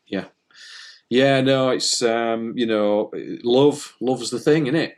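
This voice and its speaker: A man, co-hosting a casual spiritual chat in a gentle, reassuring and jokey way. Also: medium pitch, takes it slowly. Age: 50s. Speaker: spiritual medium and co-host.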